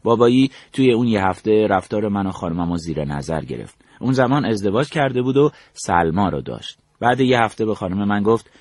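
A man's voice: fairly low pitch, lively intonation, few pauses, a little mellow, no room sound, clean studio sound. An older man from Iran recounting his memories as a storyteller, acting out the dialogue he quotes. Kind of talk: spoken memoir narration.

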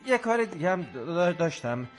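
A woman playing a shy male coworker who stammers and then shouts his confession, in a radio comedy. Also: fairly low pitch, very animated, faint music behind. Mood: stammering.

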